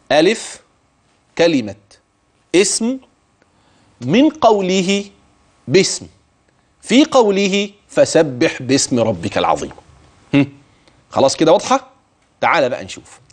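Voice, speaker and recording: Man, Egyptian accent, middle-aged, Quran recitation teacher, raised voice, very lively intonation, asks and answers himself. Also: a little high. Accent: Egyptian Arabic. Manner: lively, answers his own imagined student questions. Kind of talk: tajweed lesson with recited verses.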